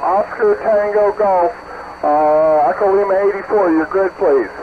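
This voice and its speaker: A high-pitched man's voice comes through a fading shortwave radio, squeezed thin like a phone line and buried in static. He runs a contest station, repeating call signs in clipped, brisk bursts. The signal sounds distant and narrow. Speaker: amateur radio operator calling contacts. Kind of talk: rapid contest radio exchange in phonetic alphabet.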